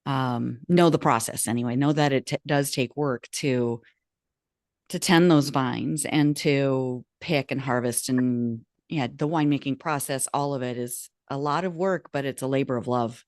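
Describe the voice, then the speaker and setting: A woman hosting a podcast interview over a video call, chatting casually and reacting with soft, effusive affirmations. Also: very deep voice, unhurried, no echo, clean studio sound. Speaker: podcast host.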